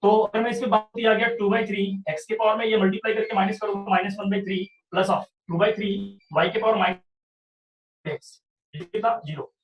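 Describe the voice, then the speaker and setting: High-voiced maths teacher, echoey room. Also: male voice, steady tone, a little fast, far from the mic, muffled recording. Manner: explains step by step, often asks "sahi hai kya?". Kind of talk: online revision class lecture.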